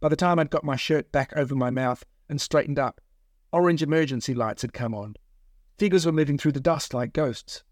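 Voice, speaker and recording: A man, the author, narrating his own novel in the first person with steady, measured storytelling. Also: a little high, no echo, clean studio sound.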